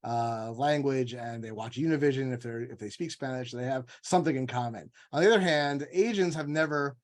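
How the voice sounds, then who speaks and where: This man speaks at medium pitch and a little fast. He is an author and legal scholar appearing as a guest on a casual panel, explaining emphatically and discursively while often acting out quotes he imagines.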